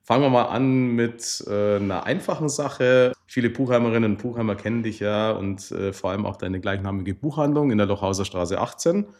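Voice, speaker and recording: A man's voice: lowish voice, fairly quick, hardly any pauses, darkish tone. A man hosting a local podcast interview, asking friendly, slightly formal questions. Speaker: podcast host.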